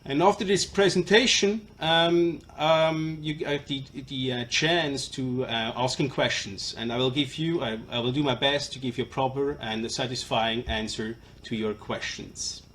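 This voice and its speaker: A man's voice: medium pitch, a bit bright. Male live-stream presenter, broad Swiss German accent, mid-range voice, hesitant informal demo delivery, noisy recording. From Switzerland. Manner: halting and hesitant, apologetic non-native English speaker. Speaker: presenter of a product demonstration. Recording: live stream with clear background noise.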